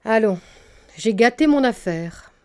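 A woman's voice: mid-range voice, moderate pace, darkish tone, lightly acted. A woman reading the lines of an ambitious male government minister, formal and composed. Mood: vexed.

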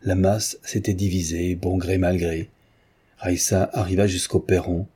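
A man narrates a classic novel in a measured audiobook reading. His voice is deep and husky, with a dark, mellow color. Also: flat delivery. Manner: measured, literary.

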